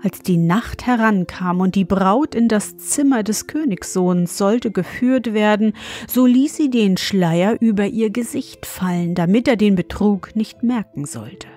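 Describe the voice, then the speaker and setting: A woman calmly reading a fairy tale aloud as a bedtime story, in a measured manner. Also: mid-range voice, soft background music. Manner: calm, measured.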